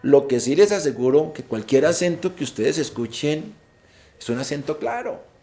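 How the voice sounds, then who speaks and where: A man's voice: on the high side, expressive, moderate pace, mellow, a little hiss or hum. A young adult man giving an informative online session about an exam, emphatic and repeating his key points. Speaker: IELTS presenter.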